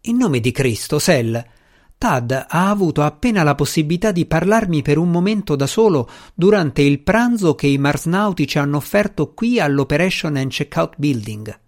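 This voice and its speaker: A man's voice: a little high, lively intonation, normal speed, close to an everyday voice. A man voicing a frustrated, insistent male space official who speaks urgently and presses his point.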